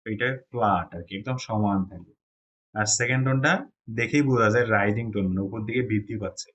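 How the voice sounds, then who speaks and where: A man's voice: on the low side, fast, fairly bright tone, dull audio. A man from Bangladesh teaching a Chinese pronunciation class, explaining step by step and often checking that the students follow. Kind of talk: classroom lesson.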